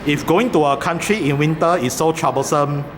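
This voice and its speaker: Filming a video shoot in a train station corridor, a man with a Singaporean English accent talks hesitantly and casually, restarting and using plenty of fillers. He speaks at normal speed in a voice on the high side, with slight background noise.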